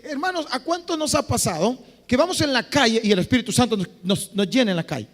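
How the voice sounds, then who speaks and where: A man, a pastor, preaching an impassioned sermon, moving between loud exhortation and quiet, drawn-out phrases. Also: very high-pitched. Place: church hall. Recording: reverberant church hall.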